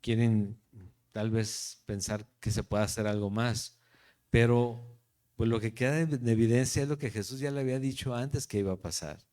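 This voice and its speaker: Steady and darkish, at medium pitch and normal speed, this Guadalajara pastor works through scripture verse by verse. He speaks with a Mexican Spanish accent and frequently checks in with his audience in a conversational manner.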